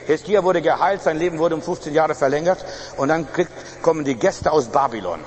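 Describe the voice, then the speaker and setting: A man's voice: fairly high pitch, a little fast, a little mellow, slight background noise. A male pastor preaching a sermon emphatically, with frequent fillers and restarts. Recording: reverberant hall, faint ambience.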